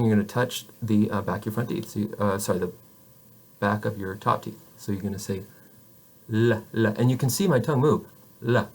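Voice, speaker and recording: A man teaching French pronunciation to camera, patiently showing each sound slowly with frequent restarts. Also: lowish voice, darkish tone, breathy edge. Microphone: camera facing the speaker.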